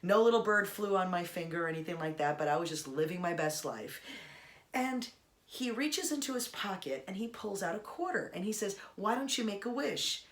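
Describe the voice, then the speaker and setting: A woman's voice: mid-range voice, expressive, normal speed. A young adult woman vlogger casually telling a personal story to camera in a chatty, rambling way with sarcastic asides. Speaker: Disney vlogger.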